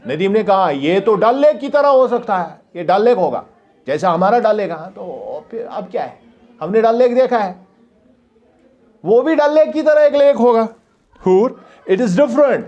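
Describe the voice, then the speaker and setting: Male teacher, lively sing-song delivery, reads English slowly and explains it, dull recording. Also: high voice. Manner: reads English lines slowly, then explains them in Hindi; asks the class questions and answers them himself.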